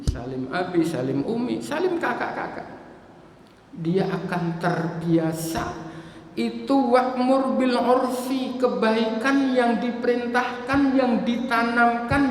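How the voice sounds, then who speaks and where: A man preaching at a mosque study session, telling everyday stories and acting out parents and children in lively little scenes. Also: sits high. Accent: Indonesian. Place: mosque hall. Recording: echoey hall reverb.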